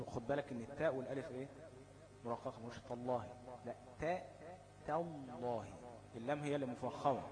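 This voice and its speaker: A man's voice: mid-range voice, rough recording. A man with an Egyptian Arabic accent teaching a class on recitation rules. He poses questions to his students, answers them himself and keeps checking that they follow. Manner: checks in constantly with "okay?".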